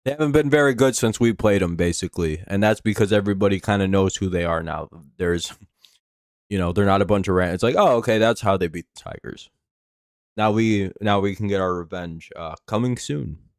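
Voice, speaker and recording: Low-voiced American man with whistling s. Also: a little fast, no echo, studio quality. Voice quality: slight lisp with whistling s from false teeth. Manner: rambling, profane, laid-back fan talk. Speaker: live stream sports host. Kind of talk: casual play-by-play commentary and chat.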